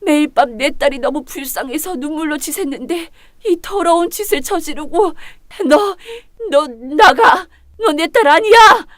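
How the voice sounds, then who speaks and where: A woman's voice: normal speed, no echo, clean studio sound, close to an everyday voice. Woman voicing a furious shrieking mother. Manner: shrill, yelling, scolding. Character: furious middle-aged mother disowning her daughter.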